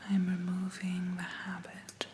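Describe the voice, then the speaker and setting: A woman whispering a gentle, reassuring ASMR pep talk in a breathy voice, slowly and with long pauses. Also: lowish voice, completely flat delivery, a little hiss or hum. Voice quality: breathy, mostly unvoiced whisper. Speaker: ASMR host.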